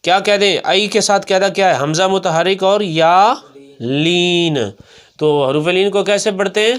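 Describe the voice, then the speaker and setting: A man with a Pakistani Urdu accent teaching Quran pronunciation in a fairly high voice. He drills each syllable slowly and repeats it, asks questions and answers them himself. When he recites, he stretches out and intones the words. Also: a bit bright, clean tone, faint music behind.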